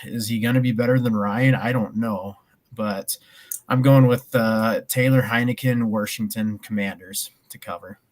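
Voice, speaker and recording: A man's voice: on the low side, steady tone, normal speed, a little mellow. A man co-hosting a casual sports betting chat, rambling with frequent ums and restarts. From American Midwest. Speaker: podcast co-host.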